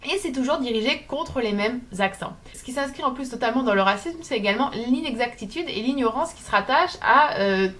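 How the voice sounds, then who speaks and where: Fairly high-voiced young French woman. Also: lively intonation, fairly quick, few pauses, a bit bright. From France. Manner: thoughtful, hesitant with many fillers. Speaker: video essayist. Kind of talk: casual talk to camera.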